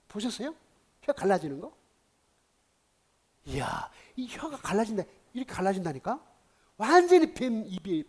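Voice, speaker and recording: Husky Korean pastor preaching dramatically. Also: male voice, high voice. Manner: dramatic storytelling, swinging from hushed to shouting. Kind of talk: sermon.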